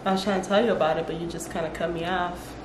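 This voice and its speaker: A woman in her 20s, a vlogger who is a salon client, chats casually in a small indoor room. Her voice is fairly low and steady, and she talks very fast. The recording has a roomy echo and the room is clearly noisy.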